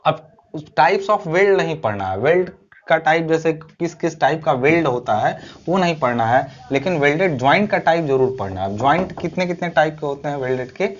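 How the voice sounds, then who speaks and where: A man's voice: a little high, expressive, moderate pace, dull audio. A man teaching a recorded online lecture, explaining step by step, asking his own questions and answering them, and often checking in with short tag phrases. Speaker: civil engineering teacher.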